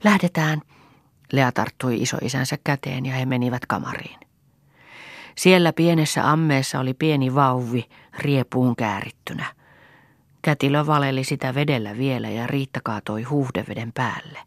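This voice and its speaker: Woman audiobook reader; low, gravelly voice, lively melody, measured delivery. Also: dry recording, studio quality. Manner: measured, expressive reading with voiced characters. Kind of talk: scripted novel narration.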